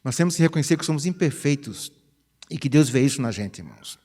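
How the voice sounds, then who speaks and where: A pastor, preaching a chatty, conversational sermon. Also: male voice, fairly high pitch, fast. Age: 50s. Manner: chatty, animated, peppers phrases with "né?". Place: church sanctuary. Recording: reverberant church hall.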